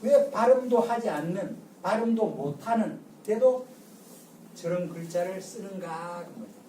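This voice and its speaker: Older lecturer, mellow tone, quizzing the class with repeated questions; picked up from a distance in a reverberant room. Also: medium pitch, lively intonation, moderate pace, a little hiss or hum. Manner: drills the audience with call-and-response and repeated rhetorical questions. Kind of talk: public lecture. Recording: echoey lecture room from far off.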